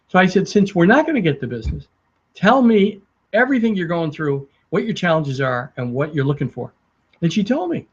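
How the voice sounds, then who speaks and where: A man's voice: fairly high pitch, breathy edge. A man telling sales anecdotes in a storytelling talk, acting out the dialogue he quotes. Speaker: sales speaker. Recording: dull lo-fi recording.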